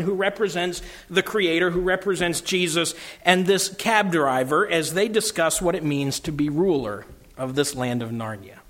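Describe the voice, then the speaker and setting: A man's voice: sits high, fairly bright tone. Earnest man preaching. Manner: earnest and emphatic. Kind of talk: sermon with a story reading.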